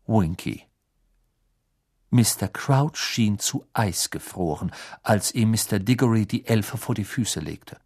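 Man reading a story aloud, husky. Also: fairly low pitch. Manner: lively storytelling. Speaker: audiobook reader. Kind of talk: scripted narration.

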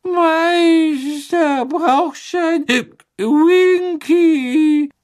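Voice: very high voice, extremely slow, a little mellow, voice pushed up, full character voice. A drunk whimpering female elf. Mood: slurred whimpering. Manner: slurred whimpering, speaks of herself in third person. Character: drunk, tearful female house-elf, tiny and shrill. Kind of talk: audiobook character voice.

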